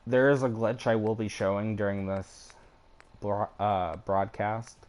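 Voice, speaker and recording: A man's voice: on the low side, little pitch movement, unhurried, darkish tone. A man casually talking through a game as a let's play host, rambling and swearing offhandedly, with the hiccups. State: has the hiccups. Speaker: gaming channel host.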